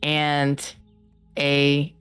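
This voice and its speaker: A woman game master narrates in a low voice at a slow pace. She improvises haltingly, feeling for the next word, over faint background music. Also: monotone, a bit bright, clear, resonant tone. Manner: halting, searching for words.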